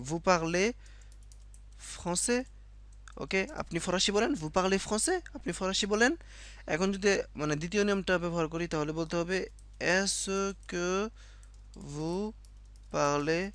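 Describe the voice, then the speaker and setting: Male teacher, slightly high voice, dead dry sound, repeats himself, lots of fillers. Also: fairly bright tone, no echo. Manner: explains step by step, repeats himself, many fillers and self-corrections. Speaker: French teacher. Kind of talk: casual spoken lesson.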